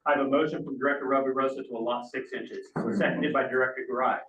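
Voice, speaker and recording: A man's voice: medium pitch, level tone, fast talker, a bit bright. A man acting as board chairman, speaking formally and courteously as he runs meeting procedure. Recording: distant, roomy, dull, faint noise.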